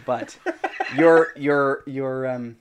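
A man co-hosting an indie film podcast, telling an anecdote in a halting way and often repeating words. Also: mid-range voice, fairly even intonation, highs cut off, crowd noise. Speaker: podcast co-host. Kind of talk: casual chat.

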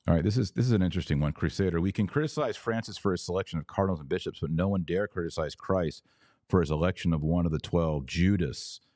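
Hosting a podcast of religious commentary, a man with a very low, mellow voice lays out his phrases deliberately in a didactic, emphatic manner. The audio is close and dry, with little to no room sound.

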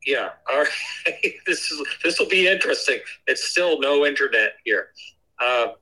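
A man calling in as co-host, heard through a phone on speakerphone, talking casually in a halting way with many fillers and restarts. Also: medium pitch, lively intonation, bright, forceful tone, breathy edge, rough recording. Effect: heard over a phone on speakerphone. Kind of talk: casual live chat.

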